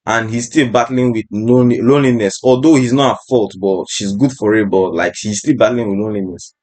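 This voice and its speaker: A man's voice: lowish voice, steady tone, brisk, darkish tone. A young adult man with a Nigerian accent hosting a casual podcast chat in an informal, slangy way. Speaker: podcast host.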